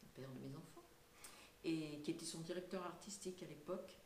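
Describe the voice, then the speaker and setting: A woman's voice: low-pitched, a little fast, darkish tone, roomy sound, slight background noise. An older woman being interviewed, talking casually and hesitantly with many fillers and light laughs. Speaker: singer and voice actress, guest.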